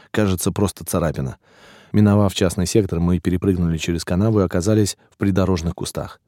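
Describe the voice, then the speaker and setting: A male audiobook narrator reading a first-person story in a steady, even way. His voice is very deep and mellow. The recording is dry and close, with no room around it. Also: dry recording.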